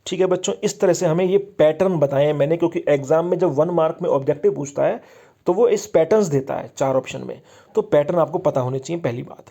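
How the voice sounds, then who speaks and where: Male chemistry teacher, mellow and fairly high voice, quizzes himself as he explains. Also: quick pace, gravelly. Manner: explains step by step, asks and answers own questions. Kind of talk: exam-prep lesson.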